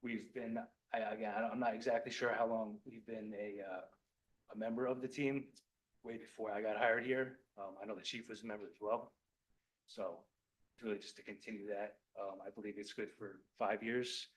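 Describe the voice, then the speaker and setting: A man who is a police lieutenant, addressing a village board meeting, choked up and halting, apologizing and repeating words as he explains. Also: lowish voice, fairly even intonation, poor audio. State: choked up with emotion. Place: municipal meeting room.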